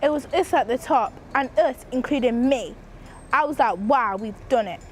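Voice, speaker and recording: Young woman, high-pitched, earnest rhythmic spoken word, slight background hiss. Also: moderate pace. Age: young adult.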